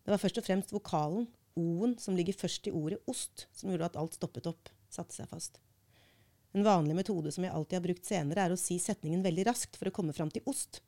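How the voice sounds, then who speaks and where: A woman reading a book passage aloud and talking it through in a measured, thoughtful way as a podcast host. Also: lowish voice, dark tone.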